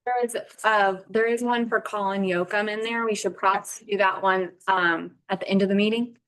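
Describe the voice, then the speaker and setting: A woman with an ordinary middle-pitched voice calls the roll and walks through the finances at a town council meeting. She talks carefully, with many pauses and ums. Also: fairly even intonation, fairly bright tone. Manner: careful and hesitant, with frequent ums. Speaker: town clerk-treasurer.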